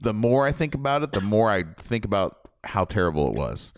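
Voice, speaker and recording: Lowish smooth man on a podcast. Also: brisk. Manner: animated, rambling, jokey. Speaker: podcast co-host. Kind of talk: casual film review chat.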